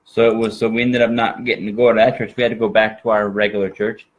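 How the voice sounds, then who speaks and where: Chatting as an interview guest, this Minnesotan lays his accent on thick and rambles in a folksy, casual way. He talks fast in a lowish, level voice, on a low-quality recording.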